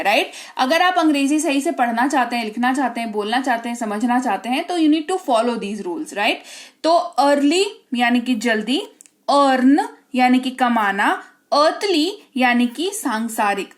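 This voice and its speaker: A woman teaching English spelling and silent letters, explaining step by step and often checking in with her students. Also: sits high. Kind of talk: Hindi-language English lesson.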